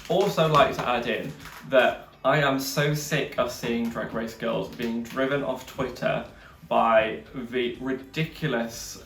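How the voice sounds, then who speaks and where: A man's voice: medium pitch, steady tone, slow pace, creaky, fairly bright tone. Frank guy co-hosting a chat show, swears a bit, roomy echo, mic a bit far off. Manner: frank, swears, builds points at length. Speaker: podcast co-host. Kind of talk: casual review chat. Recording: echoey room, distant mic, faint music.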